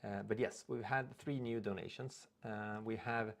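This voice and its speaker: At a normal speed and in a steady tone, a young man from Sweden talks with a fairly low pitch and some vocal fry. He's hosting a casual livestream in English, which isn't his first language, rambling, stumbling over words and reading viewer comments aloud.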